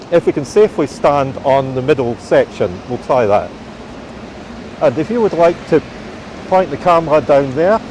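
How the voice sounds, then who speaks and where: A man with a Scottish accent gives an informal, halting live walking-tour commentary as a guide outdoors. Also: on the high side, darkish tone, low-quality recording. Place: outdoors on a rainy city street. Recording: outdoor street noise, passing traffic.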